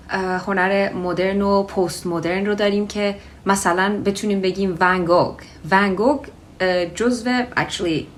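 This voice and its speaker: A woman, a native Persian speaker, teaching English vocabulary. She switches between Persian and English and slows down to model each word's pronunciation. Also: lowish voice, slight background noise. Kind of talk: vocabulary lesson.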